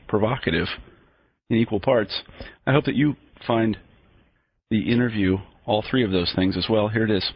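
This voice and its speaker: Guy hosting a radio interview, polite, lots of ums, lowish voice, dry and a bit dull. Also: no echo. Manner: polite, hesitant, many ums.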